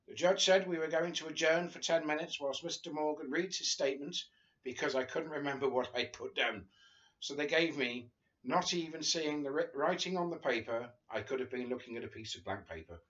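An English man in his fifties, appearing as a guest reader, reads a memoir aloud in an informal, amused way while seated on a sofa in a small living room. His voice is medium-pitched with a fairly bright tone, and the audio is dull, lo-fi video call sound.

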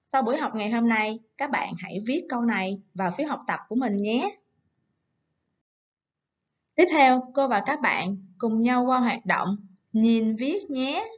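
A woman teacher giving a recorded lesson to young children, coaxing and gentle, slowing down to read words aloud. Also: fairly high pitch, lively intonation, highs cut off. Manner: gentle, coaxing, slow syllable-by-syllable dictation. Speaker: primary school teacher.

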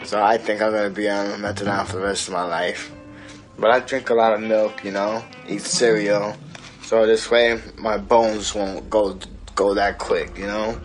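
A man in his forties talking to a close camera in a small apartment, halting with many restarts and fillers. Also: fairly low pitch, level tone, soft background music. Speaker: interviewee. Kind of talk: casual talk to camera.

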